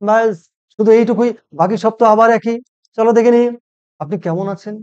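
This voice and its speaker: A man teaching a spoken English lesson, who asks each question and then says it slowly in English, and keeps calling it easy. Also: high-pitched, darkish tone, clean tone, dull audio.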